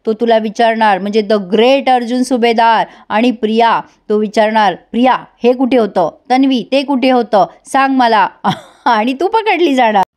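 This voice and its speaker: A woman voicing a teasing young man who mocks his cousin in a drawn-out, taunting way. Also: fairly high pitch, darkish tone, natural voice.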